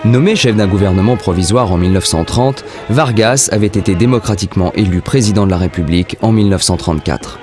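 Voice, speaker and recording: Low-voiced male documentary narrator. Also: quick pace, few pauses, music in the background. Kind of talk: scripted narration.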